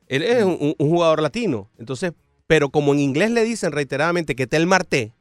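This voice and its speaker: A man hosting a studio sports talk show, lively and steering the conversation. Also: on the high side, a little fast, no room sound.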